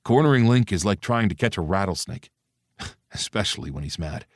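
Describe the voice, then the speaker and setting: A cocky male operative with a dry, smirking way of talking, voiced by a man reading an audiobook. The voice sits very low and the booth is dead dry. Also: animated, moderate pace, no room sound, close to an everyday voice. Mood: exasperated. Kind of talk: audiobook character voice.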